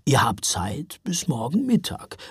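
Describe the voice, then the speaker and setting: A woman voicing a calm, friendly old Father Frost in a storybook reading, speaking slowly and gently. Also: a bass voice, slightly rough, no room sound, studio quality, full character voice. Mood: kindly. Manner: slow, friendly.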